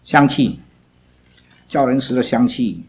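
A man's voice: medium pitch, expressive, takes it slowly, slight background noise, poor audio. A man teaching a Bible class, scolding students and drilling them with pointed questions.

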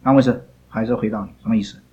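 A man's voice: on the low side, steady tone, very fast, dark tone, a little hiss or hum, low-quality recording. A man teaching a Bible class, scolding students and drilling them with pointed questions.

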